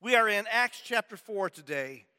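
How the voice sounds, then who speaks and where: A man preaching with a very high, bright voice that swings widely in pitch. He tells stories playfully, teasing the congregation with mock suspense, and a long reverb fills the hall around him. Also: expressive, normal speed, smooth. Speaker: pastor. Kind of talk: sermon.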